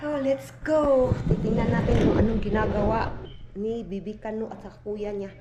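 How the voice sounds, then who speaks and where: A woman's voice: fairly high pitch, fairly even intonation, moderate pace, lo-fi sound, heavy background noise. A woman with a Filipino accent, chatting casually to her viewers at home and cooing at a small child. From Philippines. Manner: chatty, calls viewers "Day", coos baby talk. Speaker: family vlogger. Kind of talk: casual vlog chat. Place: home, indoors.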